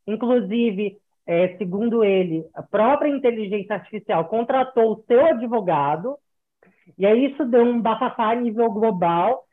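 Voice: mid-range voice, normal speed. An interviewer asking a guest questions in a formal way on a live stream, heard over a phone line.

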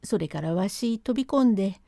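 Brief: a woman playing a breathless country manservant in a storytelling reading, mellow, dry close sound, urgent tattling in broad dialect. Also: medium pitch, expressive, fairly quick, gravelly, dry recording. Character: rustic middle-aged male servant, excitable tattler. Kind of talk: reading a classic rakugo transcript aloud.

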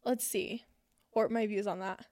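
A woman's voice: mid-range voice, steady tone, measured pace, a little mellow. A woman in her twenties co-hosting a podcast, chatting candidly and hesitantly, swearing freely. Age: 20s. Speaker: podcast co-host. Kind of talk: casual chat.

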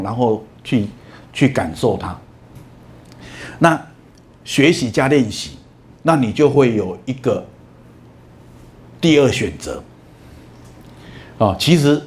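Telling stories during a university lecture, this middle-aged man drags out plenty of "ah" and "oh" fillers in a medium-pitched, darkish-toned voice.

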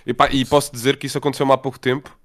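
A man's voice: medium pitch, racing. A man with a European Portuguese accent co-hosting a casual podcast, telling stories in slangy, swearing talk. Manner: slangy, relaxed storytelling with swearing. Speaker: podcast co-host. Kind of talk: casual chat.

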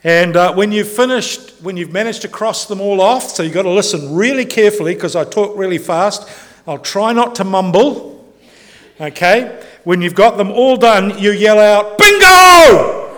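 A man preaches in a loose, conversational way, joking and breaking off mid-sentence. His voice sits fairly high for a man. Long reverb from a church hall trails behind every line. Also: normal speed. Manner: chatty, joking, self-interrupting. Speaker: pastor. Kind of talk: informal sermon.

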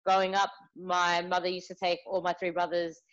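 A woman's voice: lowish voice, monotone, normal speed, noisy background. Chatty young mother, muffled audio. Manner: chatty storyteller, many fillers. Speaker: mother sharing stories. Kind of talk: casual chat.

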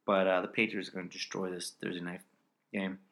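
Bright-voiced man joking through fantasy football chat. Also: deep voice, level tone, fairly quick, creaky. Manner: joking, trails off into asides, quotes stats. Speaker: fantasy football podcast co-host. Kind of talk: casual sports chat.

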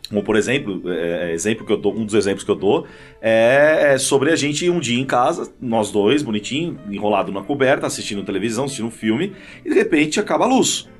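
A man's voice: a little fast, faint music behind. A man, a pastor talking casually and telling stories with lots of energy. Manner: animated storyteller, jumps high when telling a funny story. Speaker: pastor and guest. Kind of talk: casual conversation with anecdotes.

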